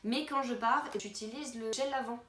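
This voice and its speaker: A woman's voice: on the high side, steady tone, normal speed, a bit bright. Chatty woman vlogger in a roomy space. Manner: chatty, many fillers and restarts. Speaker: beauty vlogger. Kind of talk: casual product walkthrough. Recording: roomy with faint background noise.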